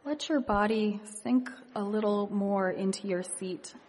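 A woman leading a guided meditation and reading reflective poetry in a hushed, gentle, unhurried manner with long pauses. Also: mid-range voice. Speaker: meditation leader. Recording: long reverberant hall echo.

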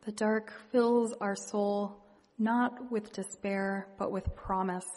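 A woman leading a guided meditation and reading reflective poetry in a hushed, gentle, unhurried manner with long pauses. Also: medium pitch, fairly even intonation. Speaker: meditation leader. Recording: long reverberant hall echo.

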